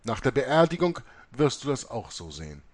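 A self-assured older priest, voiced by a male storyteller, speaks soothingly with broad rises and falls. He sounds calm and certain. The reading is close and dry. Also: mid-range voice, moderate pace, dry recording. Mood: insistent.

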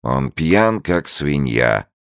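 A man's voice: very deep voice, big pitch swings, very slow, vocal fry, smooth, dry recording, clean studio sound, exaggerated voice. A man voicing a wheezing, grumbling old bargewoman in an audiobook. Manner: short-breathed, grumbling.

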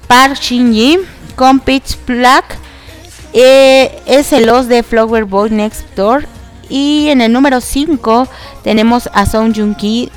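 Her voice sits on the high side and flows smoothly. Allergies leave her nasal and stuffy while she hosts an online radio program, giggling and using plenty of fillers in a laid-back K-drama chat.

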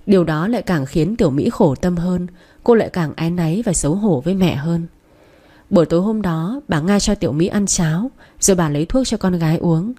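Calm, mellow woman storyteller. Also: on the low side, fairly quick. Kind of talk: audiobook story narration.

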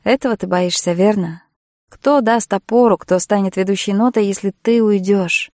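A woman's voice: mid-range voice, normal speed, a little mellow, no room sound, clean studio sound, close to an everyday voice. A woman voicing an earnest young man, a marine, who speaks tenderly and pleads with the girl he loves. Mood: gentle.

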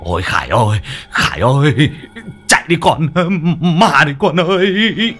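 A cowardly old village husband with a coarse, crude tongue, stammering in fright, as a male reader voices him. His voice sits lower and husky. He, with faint music behind. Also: sing-song, normal speed, a bit bright, heavily acted. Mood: panicked.

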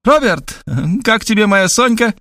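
A man's voice: sits high, a little slow, bright, forceful tone, dry recording, clean studio sound, voice pushed up. A male reader voicing a pushy, meddling middle-aged woman who plays matchmaker, in a playful and insistent tone.

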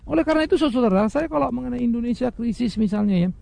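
A man preaching a sermon, animated and full of rhetorical questions, addressing his congregation directly. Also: very high-pitched, racing, vocal fry, no echo. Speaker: pastor. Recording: dull lo-fi dry recording.

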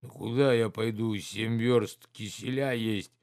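A man's voice: on the low side, steady tone, a little mellow, no echo, clean studio sound. A man reading the part of a lazy, grumbling old manservant who drawls his excuses. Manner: drawling, reluctant, slow.

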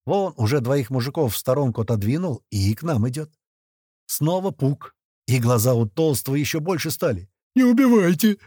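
A man narrating a first-person audiobook in a lively, expressive reading. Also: mid-range voice, moderate pace, slightly rough, no echo.

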